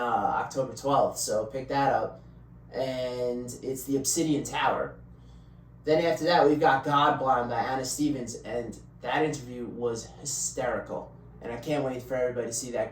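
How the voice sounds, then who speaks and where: Male host, informal solo delivery, medium pitch, slightly noisy roomy recording. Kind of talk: casual solo show outro. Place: home room at a desk. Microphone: desk microphone. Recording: roomy, distant mic, faint noise.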